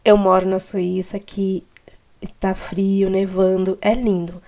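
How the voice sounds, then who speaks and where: A woman's voice: medium pitch, flat delivery, takes it slowly, warm tone. A Brazilian woman with a Brazilian Portuguese accent hosting a devotional podcast, talking in a reflective, chatty way and sometimes correcting herself. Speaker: podcast host. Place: home in Switzerland.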